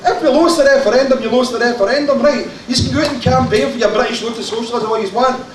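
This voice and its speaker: A Glaswegian man giving an impassioned, shouted conference floor speech with joking asides. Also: very high-pitched, quick pace. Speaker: party conference delegate. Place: large conference hall. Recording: echoey hall from far off, faint crowd and hiss.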